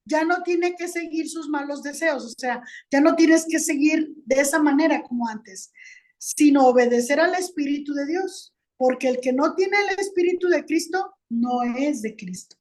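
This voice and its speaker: A woman with a high voice reads Bible verses aloud. She explains them calmly as co-host of a sermon on marriage. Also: moderate pace. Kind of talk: reading scripture and commenting.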